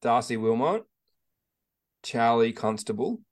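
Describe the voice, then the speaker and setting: A man co-hosting a casual sports podcast, calmly listing his picks and explaining his reasoning. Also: medium pitch. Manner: measured, lists names plainly, explains his reasoning at length. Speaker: podcast co-host.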